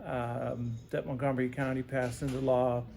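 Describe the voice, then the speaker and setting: The interviewee, a radon remediation specialist, speaks at normal speed in a medium-pitched, creaky, darkish voice with flat delivery. He uses simple explanations and frequent "right?" check-ins, over slight background noise.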